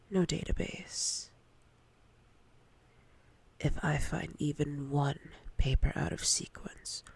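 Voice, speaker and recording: In intimate roleplay ASMR, a woman voices a domineering, predatory female boss, speaking breathily and often in a whisper with slow, commanding, teasing menace. Her deep, heavily acted voice sounds cold and threatening.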